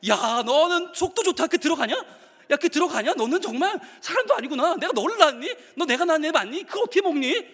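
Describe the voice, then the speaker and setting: A man putting on a shrill nagging mother. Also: sing-song, fast talker, fairly bright tone, full character voice. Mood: scolding. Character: exasperated scolding mother of a schoolchild. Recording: reverberant church hall.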